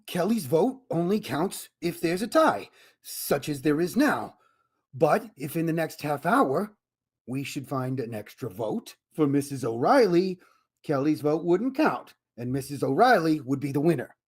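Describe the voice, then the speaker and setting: A woman playing a fast-talking, wisecracking man who calls his girlfriend "chicken" in a radio comedy. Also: deep voice, very animated, a little mellow, full character voice. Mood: scheming. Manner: smooth, fast-talking, slangy. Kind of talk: amateur radio drama reading.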